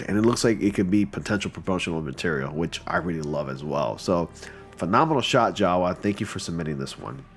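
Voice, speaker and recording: A man with a lowish, slightly breathy voice sounds blocked up, as though recovering from a cold. He comments on fan-submitted photos in a casual, enthusiastic ramble packed with fillers.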